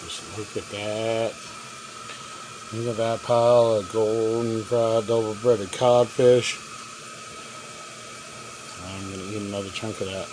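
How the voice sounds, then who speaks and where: A man's voice: lowish voice, flat delivery, takes it slowly, long pauses. A man chatting folksy and casual while frying fish in a camper kitchen, sometimes talking with his mouth full. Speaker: cooking vlogger. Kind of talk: casual cooking vlog. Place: camper kitchen with propane cooker. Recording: noisy home video with frying sounds. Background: boiling water and frying.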